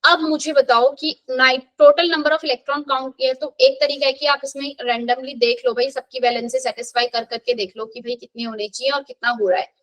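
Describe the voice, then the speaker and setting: Brief: high-pitched woman, brisk classroom chemistry teacher, quizzing and counting aloud. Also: fairly even intonation, fairly bright tone, rough recording. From India. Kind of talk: live classroom revision lesson.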